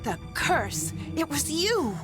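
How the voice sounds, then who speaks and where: High-voiced plucky girl detective. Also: very animated, slow, exaggerated voice. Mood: defiant. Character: plucky young female detective in danger. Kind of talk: video game voice acting. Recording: loud game music behind. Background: loud game music.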